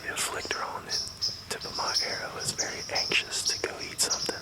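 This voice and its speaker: A man whispering excitedly as he films his own hunt outdoors on a cold morning. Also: fast talker. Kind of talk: whispered hunting commentary.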